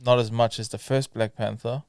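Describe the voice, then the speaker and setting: Guy on a podcast, smooth clear voice, kinda hesitant, dry mic. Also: mid-range voice, little pitch movement, normal speed, darkish tone, no echo. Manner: hesitant, searching for words. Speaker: podcast co-host. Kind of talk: casual podcast chat.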